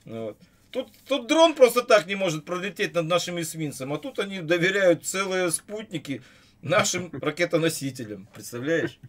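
A man in a relaxed stream chat, his voice sitting a little high and swinging widely in pitch as he jokes and tells stories. He plays the easygoing host, talking his partner down when things heat up. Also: normal speed. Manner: joking, storytelling, calms his partner down. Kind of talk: casual chat. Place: lives in Canada.

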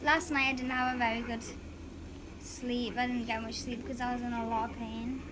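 A young woman recovering from surgery keeps a casual video diary from her hospital room, sounding weak as she talks. Her voice is on the high side, with a level tone at normal speed. The hospital room recording is noisy.

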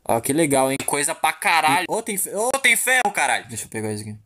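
A man's voice: on the high side, very animated, quick pace, bright, forceful tone, a little hiss or hum. Gaúcho guy from home, crude jokey Let's Play commentator, jittery. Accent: southern Brazilian, Rio Grande do Sul. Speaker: gaming YouTuber.

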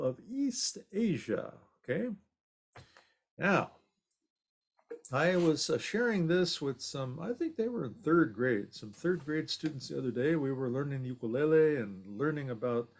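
A man's voice: a little high, gravelly, darkish tone. An older man from Long Beach, California, teaching an online ukulele class over a video call, friendly and upbeat as he talks to his students. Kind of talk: online class, singing then explaining. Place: home room at desk. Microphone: video call webcam.

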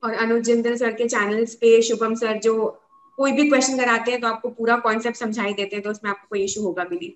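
A young woman in her twenties, her voice a little high, giving earnest advice as a guest. The sound is roomy and echoing. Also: fairly even intonation, brisk. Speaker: interview guest, exam topper. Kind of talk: interview in Hindi mixed with English.

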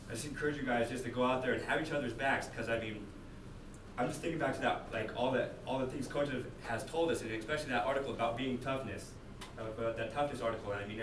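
A young man with a medium-pitched voice speaks quickly to his teammates. His impromptu pep talk is earnest and rambling, full of fillers. It is recorded at a distance in an echoey room. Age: early 20s. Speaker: college basketball player. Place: small team locker room. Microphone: handheld camera a few steps away. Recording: echoey distant camera mic, noisy.

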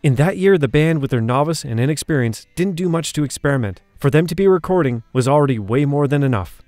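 A man's voice: on the high side, expressive, fast, a little mellow, no echo, faint music behind. A man reading a scripted documentary narration, shifting his emphasis from phrase to phrase.

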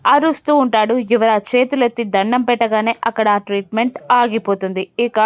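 A woman's voice: a little high, clear, resonant tone, no room sound. A woman casually retelling a TV serial episode, moving the story along with frequent fillers. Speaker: TV serial recap narrator. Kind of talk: casual episode recap narration.

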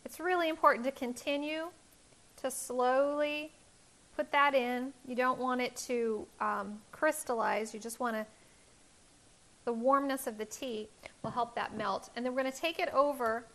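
A woman's voice: sits high, steady tone, moderate pace, fairly bright tone. A woman in her thirties hosting a home cooking show, explaining each step in a friendly instructional way from her kitchen on a lapel mic. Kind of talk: cooking demonstration.

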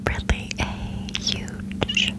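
Young woman doing asmr chit chat, slow secret-telling whisper, super close to the mic, repeats words. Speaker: ASMR video host. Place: small bedroom, on the bed. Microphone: large desk microphone, very close.

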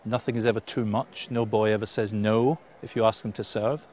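A man's voice: lowish voice, steady tone, brisk, darkish tone, slight background noise. Middle-aged male chaplain speaking sincerely. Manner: sincere, with small restarts. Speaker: school chaplain. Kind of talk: earnest interview testimony. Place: outdoors in front of greenery.

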